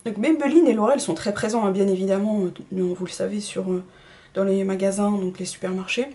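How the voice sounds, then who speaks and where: A woman's voice: medium pitch, steady tone, brisk. Chatty woman doing a makeup tutorial. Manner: chatty, self-deprecating, trails off into soft asides. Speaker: beauty vlogger. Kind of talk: casual makeup tutorial chat.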